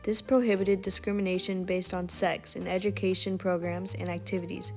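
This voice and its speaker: A woman reading scripted documentary narration in a steady, read-aloud way. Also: lowish voice, brisk, faint music behind.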